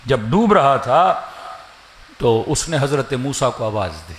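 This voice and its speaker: A man preaching a mourning-gathering sermon, telling stories dramatically with rising pitch and shouted emphasis. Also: animated, slight background noise. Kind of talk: Muharram majlis sermon.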